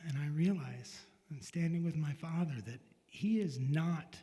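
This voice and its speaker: Middle-aged man, light higher voice, telling a personal story frankly, with casual swearing; long hall reverb. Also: a little slow, mellow, breathy edge. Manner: candid and confessional, with casual swearing. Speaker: speaker sharing a personal story.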